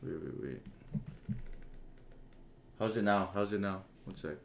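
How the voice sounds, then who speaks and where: Low-voiced man on choppy, uneven call audio. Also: animated, gravelly, background noise. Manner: hurried, repeats himself. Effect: choppy call audio with uneven, dropping volume. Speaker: interviewer and streamer. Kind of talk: casual technical interview. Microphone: video call. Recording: roomy, glitchy video call audio.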